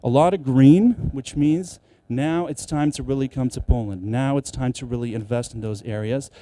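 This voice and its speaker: A man giving a promotional conference speech, pausing hesitantly mid-phrase. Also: medium pitch, dark tone, no room sound. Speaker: conference speaker.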